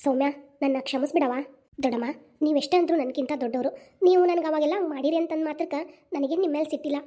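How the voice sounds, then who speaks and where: A woman's voice: sits high, fast talker, mellow, close to an everyday voice. A woman voicing heartfelt North Karnataka village women. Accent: North Karnataka Kannada. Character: village women of a family, emotional aunt and niece. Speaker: main voice actor of a cartoon channel. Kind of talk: cartoon family drama dubbing.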